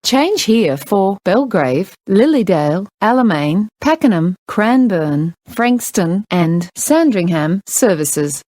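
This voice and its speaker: An Australian woman giving formal, pre-recorded train announcements in measured, separate phrases, with words and station names sounding spliced together. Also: medium pitch, sing-song, warm tone, no echo.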